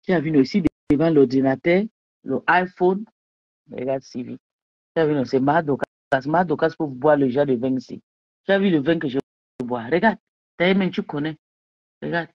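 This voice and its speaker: Her voice low-pitched and her pace normal, a woman rambles on a casual bedroom live stream while drinking wine, boasting, taunting her rivals and constantly asking viewers if they understood. There's no room sound, and the highs are cut off.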